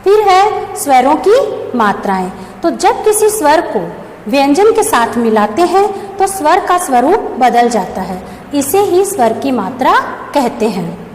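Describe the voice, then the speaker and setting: Lively high-voiced woman teaching in an echoey room. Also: measured pace. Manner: explains step by step, asks and answers her own questions. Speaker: school teacher. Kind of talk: Hindi grammar lesson. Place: classroom or school room. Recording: echoey room with long reverb, faint background hum.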